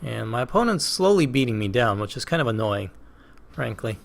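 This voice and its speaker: A man's voice: medium pitch, big pitch swings, brisk, creaky. A man with a Boston accent hosting a casual let's play, thinking aloud through each move with hesitant, self-questioning commentary. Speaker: gaming channel host.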